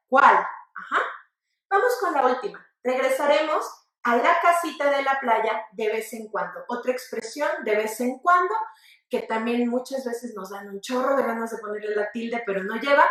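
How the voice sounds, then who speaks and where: High-voiced Mexican woman teaching spelling. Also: heavy reverb, recorded from a distance. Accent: Mexican Spanish. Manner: lively, addresses viewers directly, asks them to repeat aloud. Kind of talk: online grammar lesson. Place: studio set with floor manager.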